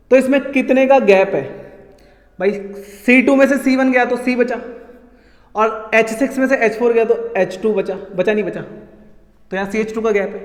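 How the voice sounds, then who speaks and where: A man teaching chemistry to school students, talking them through each step and counting atoms aloud. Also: extremely high pitch. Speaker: science teacher. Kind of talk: explaining chemistry at a whiteboard. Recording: echoey room, long reverb.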